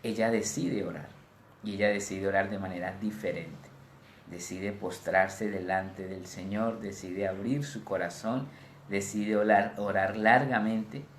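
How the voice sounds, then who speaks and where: Male pastor, low register, fervent devotional preaching with hushed appeals; echoey room, faint background noise. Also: fairly even intonation, a little slow. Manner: fervent preaching, repeated "Señor" dropping to a hush. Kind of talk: devotional sermon.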